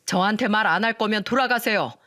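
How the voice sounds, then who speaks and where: A woman's voice: medium pitch, fast talker, bright, forceful tone, close to an everyday voice. A woman reading a stern young husband. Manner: stern, blunt. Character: firm young husband protecting his wife. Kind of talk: storytelling radio drama reading.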